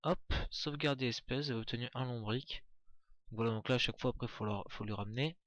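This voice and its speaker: A man's voice: medium pitch, fast talker, a bit bright, no room sound. A man giving casual, chatty commentary on a game walkthrough, hesitant, with many fillers and restarts. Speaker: gameplay commentator.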